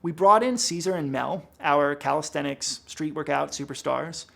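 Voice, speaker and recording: Director type, male, thoughtful and explanatory, rough gravelly tone. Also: fairly high pitch, moderate pace, a bit bright. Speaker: production director. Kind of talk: behind-the-scenes interview.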